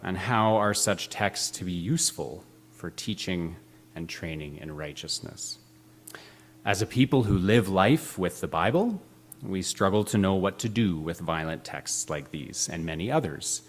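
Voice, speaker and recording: Low-voiced preacher. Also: male voice, expressive, slight background noise. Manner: measured, reflective, questioning. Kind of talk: sermon. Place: church sanctuary with slides.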